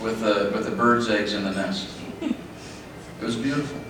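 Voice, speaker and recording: A man's voice: lowish voice, normal speed. Echoey, distant middle-aged man giving a speech. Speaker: father of the bride giving a speech. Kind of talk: wedding speech. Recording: echoey, noisy room, distant mic.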